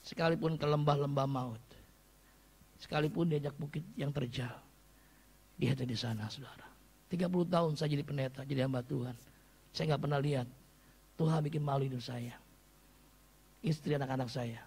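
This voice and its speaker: A pastor in his fifties preaching a sermon, telling stories with big swings between loud exhortation and low asides. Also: a little fast, vocal fry, long pauses, breathy edge.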